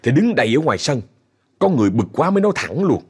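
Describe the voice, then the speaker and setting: A man's voice: mid-range voice, sing-song, fast, a little mellow, slightly rough. A man with a Southern Vietnamese accent narrating a ghost story in a chatty way, talking straight to his listeners. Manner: chatty, addresses listeners directly.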